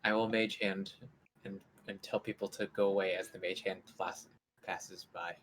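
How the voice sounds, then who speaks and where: A man's voice: sits low, steady tone, fairly bright tone, slight background noise. Inquisitive male tabletop player. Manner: inquisitive, quick questions. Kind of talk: tabletop game play.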